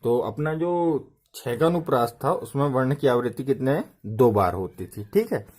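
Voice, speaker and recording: A man's voice: expressive, normal speed, darkish tone. A man teaching an exam-prep grammar lesson, often checking in with a rising "okay?". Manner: repeats "ठीक है" with a rising pitch to check the class is following.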